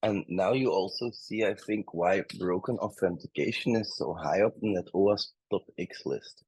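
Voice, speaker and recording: A man's voice: sits low, normal speed, a little mellow, husky, rough recording. A man teaching bug bounty hunting in a casual livestream, chatty and making joking asides to his chat. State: a bit out of breath.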